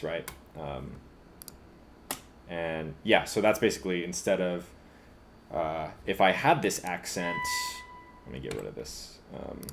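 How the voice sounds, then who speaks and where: A man composing on a live stream, thinking aloud in a halting, casual way with lots of fillers and self-deprecating asides. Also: sits low, slight background noise. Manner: halting and musing, many fillers, laughs at himself.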